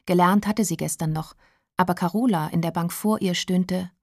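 Calm woman reading a novel aloud. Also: on the low side, dry recording, clean studio sound. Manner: calm, measured storytelling. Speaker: narrator.

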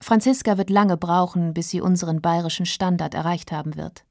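A woman voicing a stiff, sarcastic middle-aged male schoolteacher in a storybook reading, with a lowered, dark voice. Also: fairly even intonation, brisk, creaky, no room sound, clean studio sound. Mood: condescending. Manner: mocking, then flustered.

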